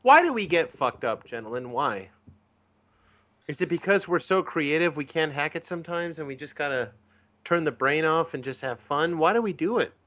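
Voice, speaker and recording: A man's voice: fairly high pitch, expressive, normal speed, a bit bright. A man co-hosting a casual podcast, teasing and needling his friend. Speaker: podcast co-host.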